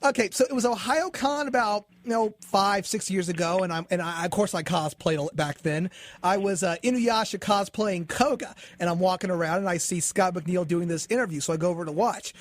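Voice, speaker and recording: A man hosting a fan interview show, his voice pitched high for a man. He talks in an eager, excitable way, piling on stories and asides. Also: fairly quick. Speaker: interview host.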